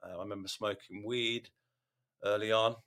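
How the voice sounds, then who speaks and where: Deep-voiced male host, candid interview, halting delivery with many restarts. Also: fairly even intonation, a bit bright. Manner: halting, self-correcting, frequent ums and repeated words. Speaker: podcast host, sharing his recovery story.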